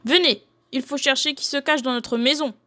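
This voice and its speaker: A woman's voice: steady tone, moderate pace, bright, forceful tone. A woman doing a big grumbling papa bear. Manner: booming, scolding.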